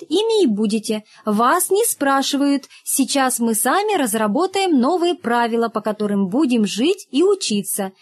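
A woman voicing a stern adult female schoolteacher who scolds in a brisk, raised voice. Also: high-pitched.

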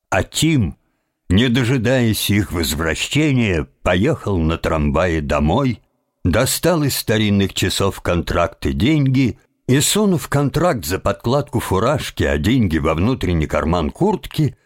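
A man reading a children's novel aloud in a measured, expressive storytelling voice. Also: fairly low pitch, no room sound, clean studio sound. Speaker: audiobook narrator. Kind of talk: scripted narration.

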